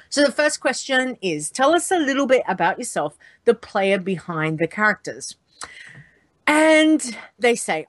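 A woman's voice: medium pitch, a bit bright, no room sound. A woman co-hosting a casual gaming podcast, upbeat and chatty, reading listener answers aloud. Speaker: podcast co-host.

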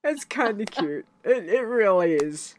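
A woman's voice: medium pitch, sing-song, a little slow, darkish tone, slight background noise. A woman hosting a show in casual chat, often repeating her phrases for emphasis. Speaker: show host.

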